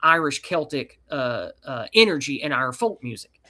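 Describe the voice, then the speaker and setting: A man's voice: a little high, big pitch swings, moderate pace, bright, forceful tone. A man from East Tennessee with a mountain twang, talking in a folksy, rambling way as a guest on a casual podcast chat. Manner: folksy, rambling, with colloquial slang.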